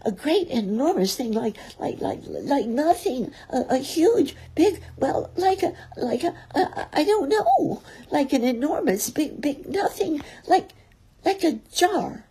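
Small timid boy piglet for a storybook, woman performer: very high, breathy squeal, stammering, gasping, easily panicked. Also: big pitch swings, measured pace, mellow. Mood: breathless, flustered. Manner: stammering, gasping, repeating words. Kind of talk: storybook character voice.

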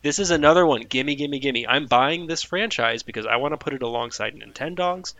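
A man's voice: fairly quick, dry recording. A man co-hosting a casual podcast, joking around playfully and swinging up and down as he talks. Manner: playful and jokey, with lively swings in pitch. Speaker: podcast co-host.

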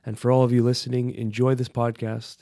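A man's voice: medium pitch, level tone, brisk, creaky, dark tone, dry recording, clean studio sound. A man hosting a podcast, opening and closing the show in a friendly, upbeat way. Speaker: podcast host. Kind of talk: podcast intro and outro.

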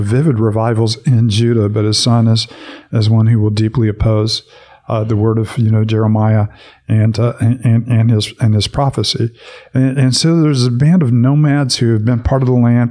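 A man's voice: medium pitch, darkish tone. A man hosting a devotional podcast, reading scripture aloud and then reflecting on it in an easygoing way with many fillers. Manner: reflective, with many fillers when speaking freely. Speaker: podcast host and Bible reader.

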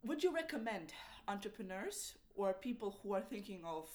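A woman interviewing a guest, asking long, carefully built questions and sometimes restarting a sentence partway through. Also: on the low side.

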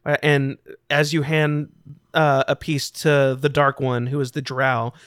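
A man's voice: medium pitch, level tone, a bit bright, clean tone, no room sound. Guy game-mastering a tabletop game, lots of uhs, dry close sound. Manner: halting, filler-heavy narration.

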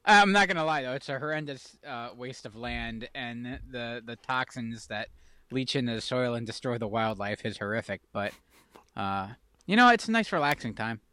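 A man's voice: medium pitch, animated, normal speed, pushed and bright, clear, resonant tone, dry recording. A man co-hosting a casual talk show, telling rambling, self-deprecating anecdotes.

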